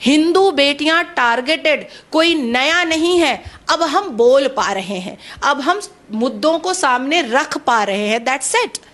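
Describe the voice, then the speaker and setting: A woman's voice: high-pitched, expressive, slow, few pauses, fairly bright tone. A woman commentator speaking pointedly, pressing the listener with a series of questions.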